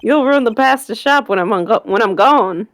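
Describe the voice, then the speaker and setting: Woman doing a grumpy old Southern grandpa, raised pitch. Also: moderate pace, dry recording, close to an everyday voice. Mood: relieved, rambling. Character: worried, doting old Southern man, pasta shop owner. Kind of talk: amateur video game dubbing.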